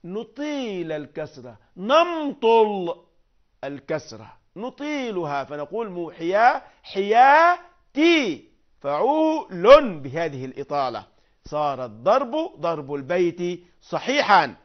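An older man teaches poetic meter, chanting each foot in long, sung tones and declaiming verse with rising force. His voice sits high and moves widely in pitch. The recording is dull and lo-fi. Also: sing-song, a little slow. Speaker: prosody teacher. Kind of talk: recorded lecture on Arabic meter.

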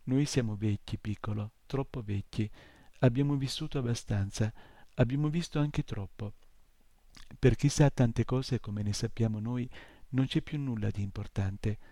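A man voicing an ancient, weary female giant turtle in a read-aloud story, speaking slowly and gurgling as she talks to herself. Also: medium pitch, mellow, no room sound, natural voice. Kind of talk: audiobook reading.

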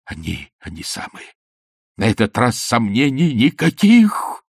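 A man's voice: medium pitch, huge pitch swings, a little slow, vocal fry, slightly rough, dry recording, studio quality, full character voice. A man voicing a timid, flustered elderly nobleman in a breathless, half-whispered voice. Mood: overwhelmed. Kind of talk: audiobook character voice.

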